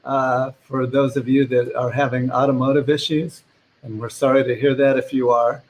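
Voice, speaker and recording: A man's voice: mid-range voice, little pitch movement, moderate pace, poor audio. A man co-hosting a casual online show over a video call, joking and poking fun at himself. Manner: joking, self-mocking. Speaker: co-host.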